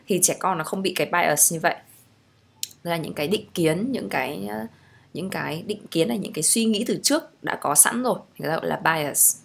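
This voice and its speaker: A woman's voice: fairly low pitch, vocal fry. A young adult woman with a Vietnamese accent, teaching English phrases, reading each phrase aloud and explaining it, often checking with her listeners. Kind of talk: language lesson explaining phrases.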